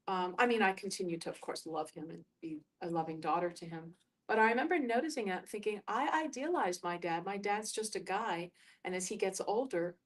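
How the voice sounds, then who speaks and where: Recorded from a distance, this American woman from New York, middle-aged, leads a group conversation in a mid-range voice. She muses and recounts her own experiences haltingly.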